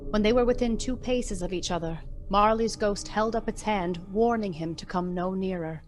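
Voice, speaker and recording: A woman giving measured, expressive scripted narration as the storyteller of a radio drama. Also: medium pitch, a little hiss or hum.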